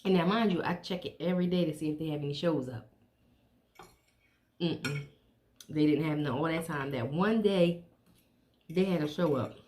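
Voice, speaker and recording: A middle-aged woman chatting casually to viewers while she eats, chewing as she talks and pausing between bites. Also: low voice, darkish tone, slight background noise. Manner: chewing while talking, with pauses to eat. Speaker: mukbang vlogger.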